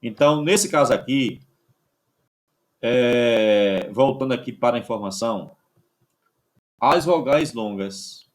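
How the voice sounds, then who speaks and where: A man teaching a recorded grammar lesson, talking haltingly and checking in with his students often. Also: medium pitch, animated. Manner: slow, halting delivery, checks in with "certo?".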